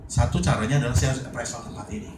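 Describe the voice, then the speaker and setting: A man preaching through a personal story, with lively jokes and frequent laughter. He sits back from the mic in a church hall. The room echoes, and steady noise is heard behind him. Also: medium pitch, fast, recorded from a distance. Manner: lively, joking, laughs often. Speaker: pastor. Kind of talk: storytelling sermon.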